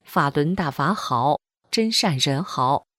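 A woman reading a first-person testimony aloud in a steady, even voice. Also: deep voice, takes it slowly, no room sound, studio quality.

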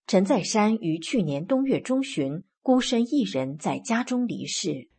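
A woman reading scripted news reports in a steady, formal manner. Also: medium pitch, a little slow. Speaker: news reader.

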